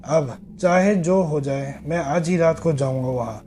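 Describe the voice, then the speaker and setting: A man narrating a horror story in a slow, suspenseful telling. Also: on the high side, dark tone, a little hiss or hum.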